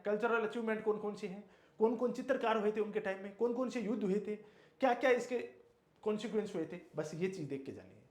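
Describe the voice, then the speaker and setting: A male exam coach, speaking high and with a lively, swooping delivery. He hammers his points home by repeating key words and answering his own questions. The room around him rings with echo. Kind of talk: motivational exam lecture.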